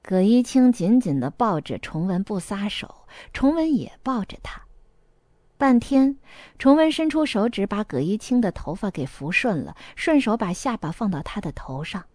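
A woman narrating a novel as a scripted audiobook, with lively storytelling and a light erhua. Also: mid-range voice, normal speed, no echo, studio quality.

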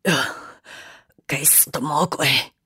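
A woman's voice: deep voice, fairly even intonation, takes it slowly, pushed and bright, husky, exaggerated voice. A woman doing a hurt, groaning young man. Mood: bitter. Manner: groaning and muttering. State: in pain. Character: injured, bitter young man in pain.

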